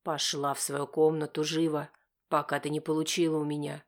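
A woman reading an audiobook, voicing a cold, furious middle-aged father with gruff, threatening speech. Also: low-pitched, steady tone, normal speed, pitched below the performer's own voice. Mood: angry. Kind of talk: audiobook character voice.

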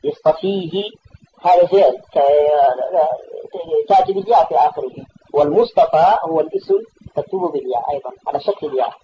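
A man's voice: a little high, fairly quick, dull audio, slight background noise. A man teaching a classical grammar text, patiently explaining points and correcting his student. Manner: patient, repeats and corrects the reader, asks checking questions.

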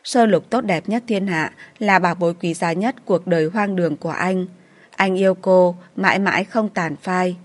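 Female audiobook narrator, lower register, steady romance storytelling. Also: normal speed.

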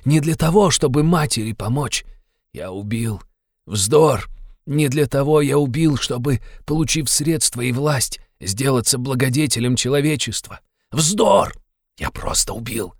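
A man's voice: medium pitch, lively intonation, measured pace, no echo, clean studio sound, voice pushed up. A man reading an audiobook, playing a tormented young man who confesses in a brooding, agitated way. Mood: feverish confession. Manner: brooding, agitated, bitterly insistent.

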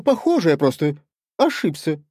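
A man voicing angry middle-aged townsmen who loudly accuse a young thief. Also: fairly high pitch, very animated, takes it slowly, dry recording, studio quality, pitched above the performer's own voice. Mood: indignant. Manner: loud, accusing, blustering.

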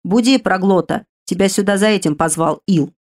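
A stern male fire spirit who scolds and grumbles at the others, as a woman puts him on. His tone is gruff and reproachful in a storybook reading. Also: mid-range voice, moderate pace, a little mellow, natural voice. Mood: scolding.

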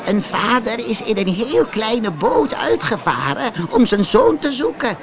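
A man's voice: very high-pitched, lively intonation, unhurried, creaky, crowd noise, voice pushed up, full character voice. A man doing a worried old woman. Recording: music playing behind.

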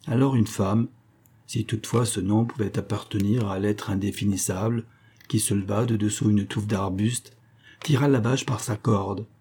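A man reading a classic novel aloud as an audiobook narrator, in a measured, even-paced manner. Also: on the low side, breathy edge.

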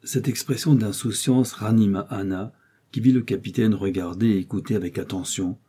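A man reading a classic novel aloud as audiobook narration, in a steady, even manner. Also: on the low side, moderate pace, husky. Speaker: audiobook reader.

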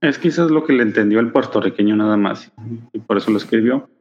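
A man co-hosting a casual comic-book podcast, adding short agreements and measured explanations. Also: on the low side, a little mellow, highs cut off. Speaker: podcast co-host.

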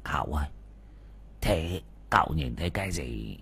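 A man's voice: very deep voice, animated, moderate pace, gravelly, a bit bright, breathy edge, pitched below the performer's own voice, exaggerated voice. A man voicing a nosy, timid old village man who asks nervous questions. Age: older.

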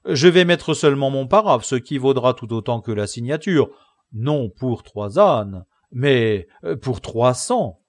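A grandiloquent knight, lovesick and boastful, speaks in slow, solemn, formal phrases. His pitch swings widely between words, as a male audiobook reader puts him on. The sound is close and dry. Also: animated, dry recording. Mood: earnest. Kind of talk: audiobook character reading.

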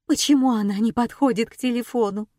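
A woman voicing a frantic middle-aged mother who wails in shrill, panicky outbursts. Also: a little fast, warm tone, no echo, studio quality, natural voice. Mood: panicked.

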